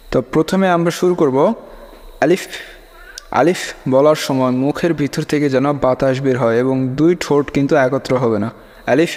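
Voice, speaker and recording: Man, Bangladeshi Bengali accent, slow patient letter-by-letter teaching, raised pitch, reverberant room. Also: a little mellow. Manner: repeats each letter twice, checks in with "ok?". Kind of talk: slow step-by-step pronunciation lesson.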